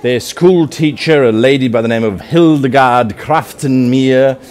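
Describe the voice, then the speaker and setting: A man's voice: mid-range voice, a little slow, darkish tone. A man narrating a live tabletop game as game master, storytelling theatrically at a convention session.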